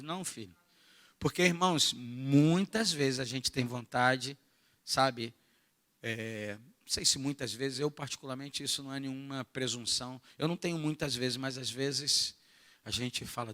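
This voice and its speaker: At a church retreat, a Brazilian pastor with a Rio de Janeiro Portuguese accent preaches a sermon, animated and full of jokes, swinging from soft asides to shouted bursts. His voice is medium in pitch.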